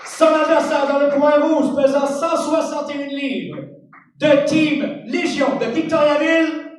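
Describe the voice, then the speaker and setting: A woman announcing fighters like a boxing ring announcer, formally, with drawn-out proclaimed names. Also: high-pitched, fairly even intonation, darkish tone. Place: large echoey event venue. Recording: echoey hall PA from far off, noisy.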